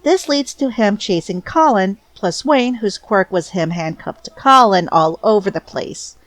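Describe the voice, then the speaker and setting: Woman narrator, lively and animated intonation, enthusiastic fan commentary, dry close voice-over. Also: mid-range voice, a little slow, no room sound. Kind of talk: scripted narration.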